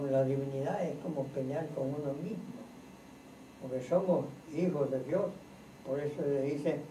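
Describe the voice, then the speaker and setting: A man giving an informal spiritual teaching to a gathered group, slow and earnest, repeating and listing points like a preacher. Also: a little high, dark tone, a little hiss or hum. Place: room in a private home. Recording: roomy, distant home recording.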